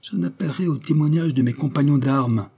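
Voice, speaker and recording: A man reading an audiobook voices an angry rebellious prince shouting reproaches at his father in a raised, defiant voice. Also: a little high, brisk, husky, voice pushed up. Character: bitter rebellious adult prince, the emperor's son.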